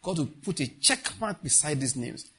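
Husky-voiced man preaching a sermon. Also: fairly high pitch, animated, normal speed, bright, forceful tone. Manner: emphatic, repeats key phrases, questions the congregation. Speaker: pastor.

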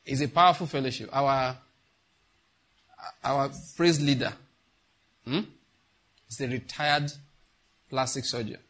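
A man's voice: mid-range voice, unhurried, long pauses, fairly bright tone. A middle-aged man preaching a sermon as pastor, emphatic, repeating key phrases and putting questions to the congregation.

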